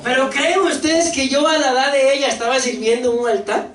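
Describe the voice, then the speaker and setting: A pastor with a Costa Rican accent preaching a lively sermon, asking the congregation questions and acting out voices. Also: high voice, brisk. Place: church hall. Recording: echoey church hall, distant mic, faint noise.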